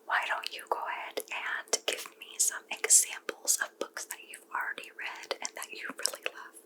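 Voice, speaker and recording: A woman doing a whispered role-play as a helpful librarian, speaking in a soft, gentle library whisper with halting phrasing. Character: helpful goth librarian recommending books. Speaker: librarian in a point-of-view roleplay.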